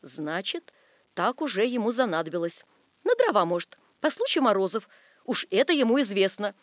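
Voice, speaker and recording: A man's voice: high voice, very animated, moderate pace, fairly bright tone, no room sound. A man voicing a sly, folksy merchant's clerk, speaking in an offhand, knowing way.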